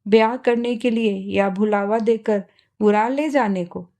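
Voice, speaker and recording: A woman reading aloud, voicing a sharp-tongued young woman who taunts and then pleads. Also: mid-range voice, measured pace, lightly acted. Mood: mocking. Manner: sarcastic, taunting. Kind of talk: storybook reading.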